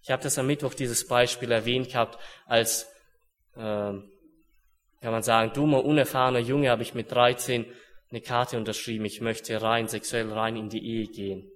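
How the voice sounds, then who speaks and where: A young man preaching a sermon in an earnest way, dropping to hushed solemn words and then rising to urgent ones. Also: medium pitch, fairly even intonation, normal speed.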